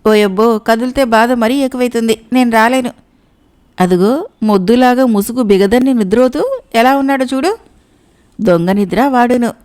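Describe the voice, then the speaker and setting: A woman's voice: fairly high pitch, moderate pace, a little mellow, natural voice. Woman doing a wailing, panicky bitten porter. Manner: wailing and moaning in pain.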